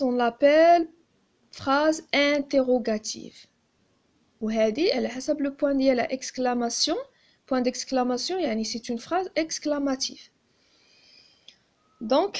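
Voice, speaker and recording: High-voiced Moroccan woman teaching slowly. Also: darkish tone. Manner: slow, deliberate, repeats key terms. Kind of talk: classroom-style grammar lesson.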